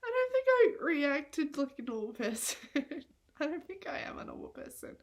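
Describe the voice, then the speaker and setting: A woman's voice: sits high, moderate pace. A young woman rambling in a tearful confessional vlog, swearing often and laughing at herself through tears.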